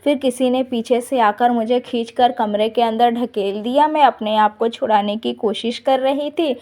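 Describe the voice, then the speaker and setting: A woman narrating a first-person story in a plain, unhurried way, with small restarts. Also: on the high side, steady tone, warm tone.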